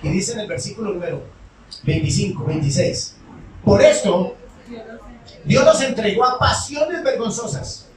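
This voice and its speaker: A man's voice: high voice, moderate pace, pauses often. A male pastor preaching a call-and-response sermon, asking the congregation questions and answering them himself. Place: church sanctuary. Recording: echoey church hall from far off.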